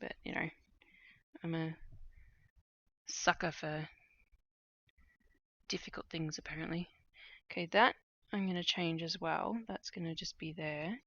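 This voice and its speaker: Her voice sits low, captured in lo-fi sound without any room echo. Stitching at home late at night, she chats casually on her live stream in an easy, unhurried way, filling her musings with ums and likes as her voice begins to give out.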